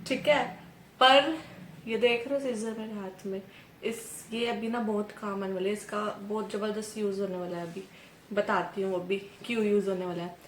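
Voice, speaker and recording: A woman's voice: fairly high pitch, echoey room, a little hiss or hum. A young woman from India chatting casually to camera in a vlog, telling a story and acting out the back-and-forth with others. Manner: chatty, often adds "ठीक है" and acts out dialogue. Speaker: vlogger.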